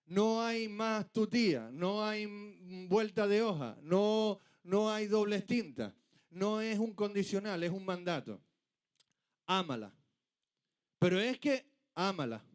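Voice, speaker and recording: High-voiced emphatic preacher man. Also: expressive, slow pace, clear, resonant tone. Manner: emphatic, rhetorical questions, rising to urgent peaks. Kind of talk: sermon.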